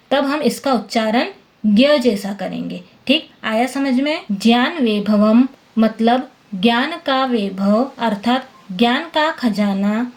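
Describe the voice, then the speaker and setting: A woman teacher walks through a lesson at an unhurried, deliberate pace. Her voice sits fairly high, and she pauses often to check that her students are keeping up. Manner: patient, explains slowly and checks understanding. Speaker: Sanskrit teacher. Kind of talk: classroom lesson explaining text line by line.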